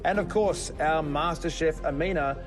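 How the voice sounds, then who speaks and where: Booming, dramatic male game show host. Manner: booming prize announcer delivery with dramatic pauses and drawn-out emphasis. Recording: studio show with loud music and crowd. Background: music and audience.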